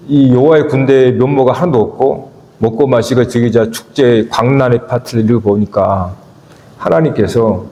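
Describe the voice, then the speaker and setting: Animated Korean pastor preaching in echoey hall. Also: male voice. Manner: animated preaching, rising to emphatic peaks and dropping low; asks the congregation questions. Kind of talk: sermon. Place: church sanctuary. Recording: echoey church hall with long reverb.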